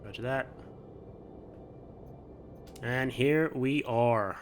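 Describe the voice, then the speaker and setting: A man's voice: mid-range voice, drawn-out words, a little hiss or hum. A man hosting a gameplay video, talking himself through careful moves in casual commentary and chuckling now and then.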